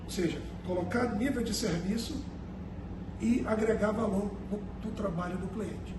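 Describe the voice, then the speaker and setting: A man from the Amazon region, a company director answering interview questions earnestly and deliberately, often repeating words as he searches for them. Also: sits high. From Brazil, Amazonas. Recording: echoey room, distant mic, background noise.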